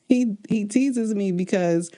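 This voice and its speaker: A woman's voice: medium pitch, takes it slowly, mellow. A woman co-hosting a casual relationship podcast, speaking earnestly about faith and marriage and laughing often. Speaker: podcast co-host.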